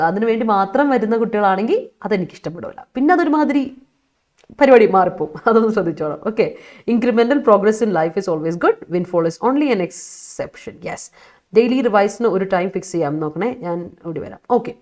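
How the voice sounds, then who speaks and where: A woman English teacher from Kerala leads a live online vocabulary session, reading student chat aloud, weaving English words into her explanations, and often laughing as she replies. She speaks at medium pitch and a moderate pace, expressive and a little mellow.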